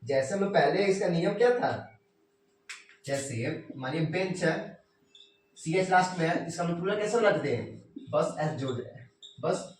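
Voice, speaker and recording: ऊँची आवाज़ वाले हिंदी शिक्षक. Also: male voice, on the high side, lively intonation, slight background noise. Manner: repeats "ठीक है" often, dictates rules slowly. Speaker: English grammar teacher. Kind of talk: classroom-style grammar lesson.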